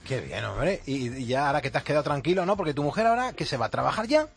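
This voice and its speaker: Male radio host, Spanish accent, lively intonation, fairly high voice, teasing casual chat. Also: rapid-fire, vocal fry, husky, faint music behind. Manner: teasing, familiar.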